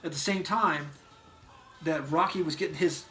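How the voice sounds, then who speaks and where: A man co-hosting a casual movie review chat, rambling and animated, often breaking into loud acted-out yells. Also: on the high side, moderate pace, soft background music. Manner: rambling with restarts. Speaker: podcast co-host.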